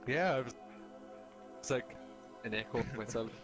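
A man's voice: medium pitch, normal speed, music in the background. A man chatting casually with friends while they play a game, talking in a loose, rambling way. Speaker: player in a group game stream. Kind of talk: casual chat while gaming.

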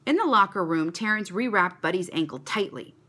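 Animated woman reading a children's story. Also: lowish voice, brisk. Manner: expressive, animated.

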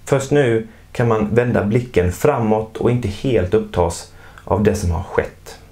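Guy doing calm explainer voice-over, lowish voice, steady and measured, close mic. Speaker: narrator of an educational video. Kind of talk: scripted explainer narration.

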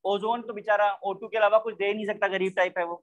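A man's voice: sits high, little pitch movement, fast talker, dull audio. A man teaching a chemistry class from India, explaining step by step and mixing English terms into his talk. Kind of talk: online class lecture.

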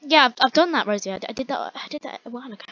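A woman's voice: high-pitched, expressive, racing, a bit bright, no room sound. Young female gamer, exasperated rambling commentary; muffled, dry home recording. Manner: exasperated, rambling, talking to a friend off-mic. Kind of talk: casual gameplay commentary.

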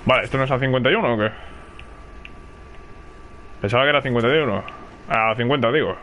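Quick-paced, mid-range and fairly bright, this Spaniard streams his gameplay with running commentary, chatting, reacting out loud and calling to teammates. Slight background noise can be heard.

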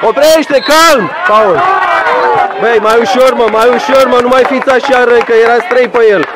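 High-pitched man barking sideline instructions. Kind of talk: shouting from the sideline. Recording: noisy live crowd. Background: crowd chanting at a match.

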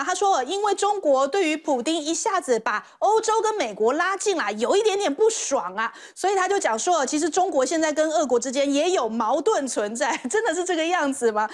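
A woman hosting a news talk show, walking through graphics with rhetorical questions and frequent sentence-final particles. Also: high voice. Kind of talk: news commentary presenting graphics. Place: TV studio.

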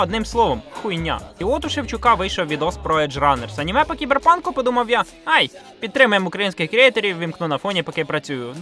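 With music running beneath him, this village-raised Ukrainian man speaks in a high, pushed, bright voice. He narrates a scripted video review bluntly and sardonically, putting himself down and using slang and curses.

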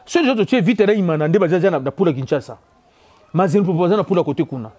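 A man's voice: high voice, expressive, warm tone, slightly rough. A man with a Congolese French accent giving an emphatic, repetitive opinion rant on local football, slipping back and forth between languages. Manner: emphatic, repetitive, rapid code-switching. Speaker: football commentator.

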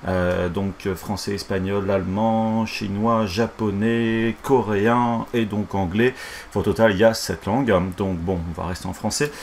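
A middle-aged man with a fairly low voice talks through a live tutorial from a small office. He lisps, his s sounds coming out slushy, and explains things informally with some hesitation. A fan whirs audibly behind him. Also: steady tone, moderate pace. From France. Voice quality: lisp, slushy s from a broken tooth. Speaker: software instructor and streamer. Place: small home office, indoors. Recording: clear fan noise behind voice. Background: whirring fan.

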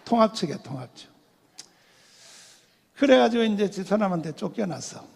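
An older man giving a testimony sermon as a pastor, telling his story in an animated way, acting out quoted voices and laughing often. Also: sits high, moderate pace, creaky, slightly rough. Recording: long hall reverb.

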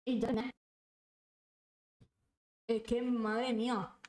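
A young woman rants on a casual live stream, swearing and fuming. Her voice sits a little high. The room around her is echoey. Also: flat delivery, drawn-out words, darkish tone. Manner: angry ranting, swearing.

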